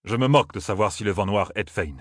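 A man's voice: lowish voice, fast talker, dry recording, clean studio sound, lightly acted. A man voicing a weary, stubborn warrior lord who speaks curtly, in a fantasy audiobook. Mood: dejected.

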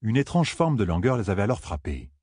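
Male narrator, low-pitched, husky, dry close recording, measured scripted narration. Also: sing-song, a little mellow, no echo. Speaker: audiobook narrator.

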